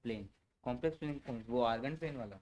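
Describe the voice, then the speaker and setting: A man's voice: mid-range voice, fast talker, darkish tone. A young man, a student asking the teacher short, doubtful questions.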